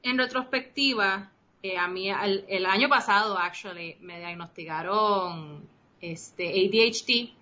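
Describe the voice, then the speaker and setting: A Costa Rican game designer in her thirties, speaking Puerto Rican Spanish with some Costa Rican traces, chats as a guest in a casual interview. Her bright, medium-pitched voice moves at a measured pace as she rambles with many restarts and fillers and mixes in English. The lo-fi sound is slightly dull.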